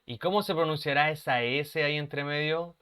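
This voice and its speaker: A man's voice: a little high, steady tone, moderate pace, pushed and bright, clean tone. A man teaching an online English class, patiently repeating words for pronunciation drills and laughing at his own mistakes.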